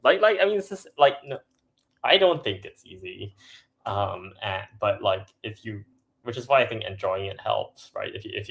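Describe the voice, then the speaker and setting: A young startup co-founder from Singapore speaks in a low, gravelly voice as a guest in a casual podcast interview. He uses lots of fillers, restarts often, and laughs between points.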